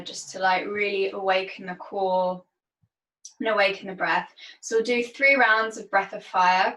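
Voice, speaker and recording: A woman leading a yoga and breathwork class, giving calm step-by-step cues and counting breath holds aloud. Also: mid-range voice. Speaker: yoga instructor. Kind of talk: guided yoga and breathwork instruction. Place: yoga studio. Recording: roomy, distant mic.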